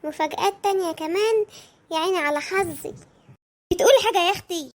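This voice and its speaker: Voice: very high voice, fast. A performer voicing a sly, envious Egyptian makeup lady who often remarries.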